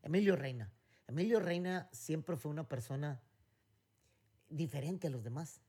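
A man's voice: a little high, moderate pace, dark tone. Rambling Mexican man telling stories. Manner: rambling storyteller, many fillers and restarts. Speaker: podcast co-host. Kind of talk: casual chat.

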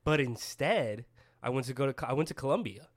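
A young man co-hosting a casual podcast chat, joking loudly and laughing often. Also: mid-range voice, animated, fairly quick. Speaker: podcast co-host.

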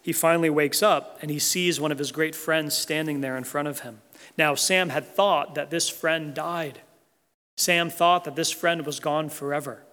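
A man preaching an Easter sermon, earnest and emphatic, slowing down to stress key phrases. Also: fairly high pitch, fairly even intonation, pushed and bright. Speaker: pastor. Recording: long reverb of a large hall.

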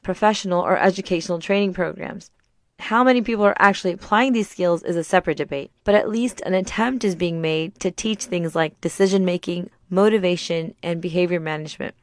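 A middle-aged woman hosting a podcast. She reads a scripted talk in a calm, measured way, and a sore throat leaves her voice slightly raspy. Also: fairly low pitch, dry recording. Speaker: podcast host.

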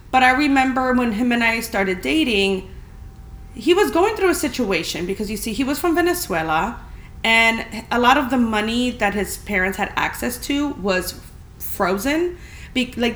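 A woman's voice: a little high, a bit bright. A young adult woman hosting a casual solo podcast, talking in a chatty, candid way from a big, empty apartment that gives her voice a big echoey room sound. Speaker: podcast host. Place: spacious, empty apartment indoors. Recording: echoey room with faint background hiss.

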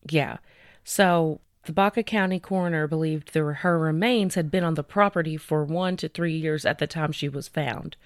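A woman's voice: low-pitched, no echo, clean studio sound. A woman co-hosting a true-crime podcast, talking through cases in a casual, chatty way. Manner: conversational, chatty with fillers, reads details slowly. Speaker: podcast co-host presenting cases.

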